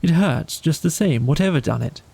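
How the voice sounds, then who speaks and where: A plaintive little mole from a storybook performed by a man, whimpering and grumbling in a raised voice. The tone is soft-edged and a little creaky, with a simple, put-upon manner. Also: on the high side, lively intonation, normal speed, voice pushed up, heavily acted. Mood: grumbling, impatient. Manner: whimpering, miserable, ungrammatical. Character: injured mole, plaintive, grumbling, slightly dim animal. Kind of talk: storybook character voice.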